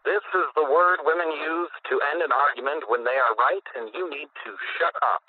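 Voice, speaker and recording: A man's voice: a little high, normal speed, dry recording. Man reading jokes on tinny radio. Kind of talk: reading a comic list on radio. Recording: tinny phone-like dry radio audio.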